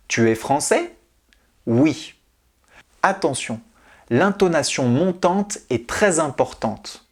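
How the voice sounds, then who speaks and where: Slow, lively French grammar teacher. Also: mid-range voice. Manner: deliberate, reads out example questions and answers. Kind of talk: scripted grammar lesson narration.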